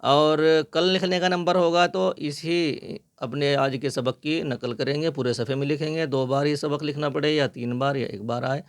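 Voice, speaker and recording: A man with an Indian Urdu accent teaching children an Urdu spelling lesson, spelling each word out slowly, syllable by syllable. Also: fairly high pitch, steady tone, no echo. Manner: slow, deliberate spelling out of syllables.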